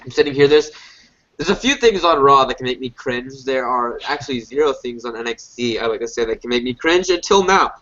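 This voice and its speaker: A stuffy-nosed man chats loosely on a podcast, piling up "like" and half-finished thoughts as he restarts sentences. His voice sits at an everyday middle pitch. The audio is dull and lo-fi, a home podcast recording. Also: lively intonation, fairly quick, sharp tone. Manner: rambling, filler-heavy, frequent restarts. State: congested, a little sick. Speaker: podcast co-host. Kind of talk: casual wrestling review chat.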